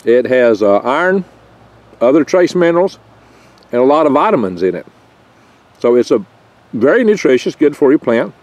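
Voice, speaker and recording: Medium in pitch and darkish in tone, the older man's voice swings widely and moves at normal speed, with frequent pauses. He's the host of a foraging channel, vlogging outdoors in his pine-tree garden in a rambling, folksy, chatty style with small jokes and stumbles, recorded on a close handheld camera mic.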